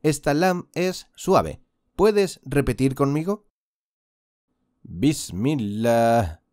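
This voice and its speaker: Male instructor, patient repeat-after-me teaching, lively intonation, dry close sound. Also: mid-range voice, no room sound. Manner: patient, drawn-out demonstration of sounds. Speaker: Quran recitation teacher. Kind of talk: slow instructional lesson with repeat-after-me drills.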